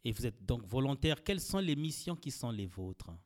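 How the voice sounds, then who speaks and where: A man's voice: medium pitch, big pitch swings, normal speed. A man hosting an interview, asking questions with occasional fillers. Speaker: radio interviewer. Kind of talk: community radio interview.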